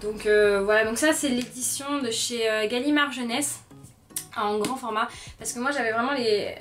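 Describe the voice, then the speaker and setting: A young woman chatting casually about her favorite products, often pausing with "euh" and sounding warmly enthusiastic. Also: on the high side. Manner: chatty, frequent "euh" fillers, gentle and enthusiastic. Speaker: beauty vlogger. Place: bedroom. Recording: slightly distant mic, soft music underneath.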